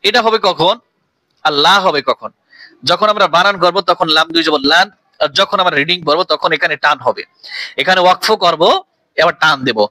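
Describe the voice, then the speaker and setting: A man's voice: a little high, fairly quick, pushed and bright, no echo. A man teaching Quran reading, spelling each syllable out letter by letter and then reciting the verse in a melodic chant.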